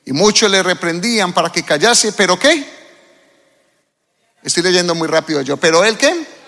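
A man's voice: high voice, lively intonation, normal speed, gravelly, sharp tone. A man preaching a fervent sermon to his church, often asking the congregation questions. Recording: long hall reverb.

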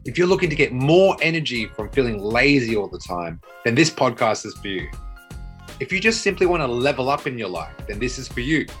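A man's voice: sing-song, brisk, fairly bright tone. Guy doing a hype podcast intro, faint music under it. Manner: motivational, repetitive pitch. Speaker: podcast host.

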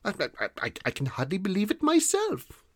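Narrator as a timid little spellcaster who stammers through every word. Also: male voice, huge pitch swings, moderate pace, no echo, full character voice. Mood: shy. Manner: heavy stammer, high and hesitant. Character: shy timid boy magician.

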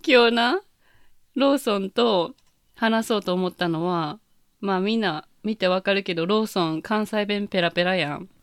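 A woman's voice: mid-range voice, normal speed, no echo, clean studio sound. Chatty woman with Osaka accent. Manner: chatty, laughs often. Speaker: podcast host. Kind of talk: casual chat.

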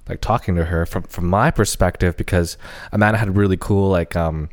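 A man's voice: low-pitched, fairly even intonation, brisk. A young man co-hosting a podcast, chatting casually and rambling with lots of hesitation. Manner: rambling, hesitant, many fillers and restarts. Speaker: podcast co-host. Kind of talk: casual chat.

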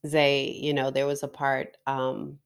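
Low-pitched woman interviewer, thoughtful and affirming. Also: monotone, unhurried, smooth. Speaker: podcast host. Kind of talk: interview questions and chat.

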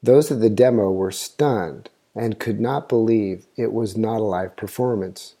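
In an unhurried, mellow voice on the low side, a male history show host reads his script aloud, telling the story informatively. He occasionally trips over a word.

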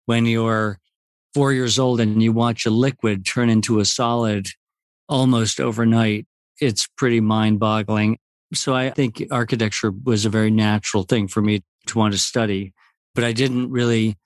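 A man in his sixties from Puerto Rico, an architect telling his story as an interview guest in a relaxed, rambling way. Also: mid-range voice, clean tone, dry recording. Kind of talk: casual interview.

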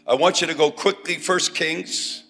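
A male preacher delivering a sermon through an interpreter, speaking in short phrases that swing from loud to hushed. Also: a little high, steady tone, measured pace. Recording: long hall reverb with faint ambience.

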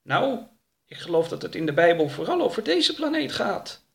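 Guy doing a sweet naive traveller, earnest, pitched way up. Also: sing-song, moderate pace, vocal fry, heavily acted. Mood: thoughtful.

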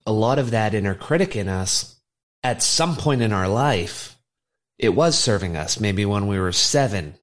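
A man hosting an interview podcast, asking thoughtful, reflective questions. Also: on the low side. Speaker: podcast host.

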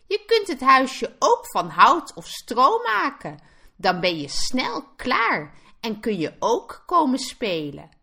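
Woman reading as small piglets: very high, bright, bouncy, childlike pleas. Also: wildly swooping pitch, slow pace, gravelly, heavily acted. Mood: coaxing. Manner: high, pleading. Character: small frightened young male piglets.

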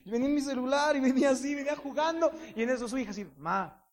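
A man's voice: very high-pitched, very fast, a little mellow. A man telling a playful, funny personal story in a sermon. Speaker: speaker.

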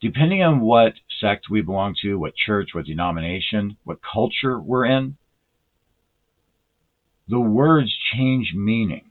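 A man preaching a sermon in an earnest, measured way, slowing down to stress key words. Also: fairly low pitch, expressive. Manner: earnest, measured, with slow deliberate emphasis; self-described dry sense of humor. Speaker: lay preacher. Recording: tinny phone-like audio.

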